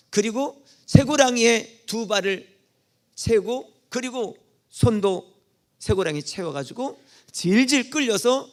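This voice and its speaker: A man preaching a Sunday sermon in a church, telling the story vividly, asking questions and answering them, dropping to soft asides and rising to loud calls. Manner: animated storytelling, asks and answers own questions; swings between soft low asides and loud exclamations. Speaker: pastor. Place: church sanctuary.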